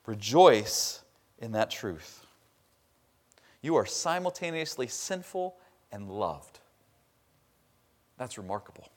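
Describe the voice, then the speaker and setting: A man preaching a sermon, stressing key words loudly and dropping to a hushed tone at the ends of points. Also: mid-range voice, sing-song, slow, pauses often. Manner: emphatic preaching, swinging between loud stresses and quiet drops. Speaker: pastor.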